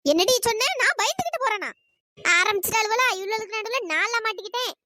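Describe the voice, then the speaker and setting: A woman voices a cunning, nosy village busybody who stirs up fights in a cartoon, scolding in a sly, gossipy manner. Her voice is extremely high, lively and fast, over a noisy background.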